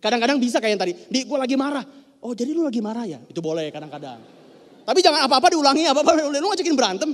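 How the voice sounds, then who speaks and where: A man preaching in a church, his voice very high and bouncing up and down as he keeps turning to the congregation with questions. His words ring out with a long hall reverb. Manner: lively, addresses the congregation directly with questions. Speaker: pastor. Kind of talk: sermon.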